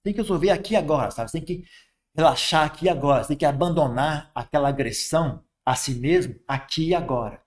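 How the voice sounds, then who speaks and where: A man's voice: fairly high pitch, fast. A man with a Brazilian Portuguese accent, a Buddhist monk giving a conversational dharma talk, often tagging "sabe?" and "né?".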